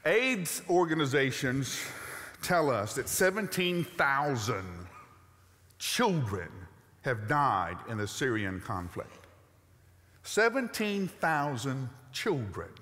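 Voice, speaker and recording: Older southern pastor preaching, animated, lots of rhetorical questions, long church reverb. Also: male voice, medium pitch, takes it slowly. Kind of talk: sermon. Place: large church stage. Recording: long reverb of a large sanctuary.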